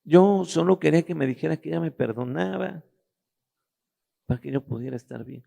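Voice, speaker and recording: Gravelly middle-aged man, halting. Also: a little high, dark tone. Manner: halting, searching for words with restarts. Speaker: guest giving a testimony. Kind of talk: personal testimony.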